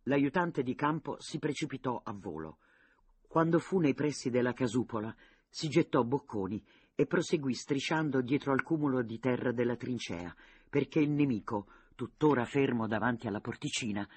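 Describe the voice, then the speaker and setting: A man reads a novel aloud in steady storytelling fashion. His voice has a husky grain. The recording is dry and close, with no room sound. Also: mid-range voice, moderate pace, dry recording. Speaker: audiobook narrator. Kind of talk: audiobook narration.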